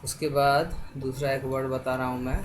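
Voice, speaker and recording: A man teaching a spelling lesson, spelling words out letter by letter and often pausing to check that the viewer is following. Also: medium pitch, little pitch movement. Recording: noisy background hiss.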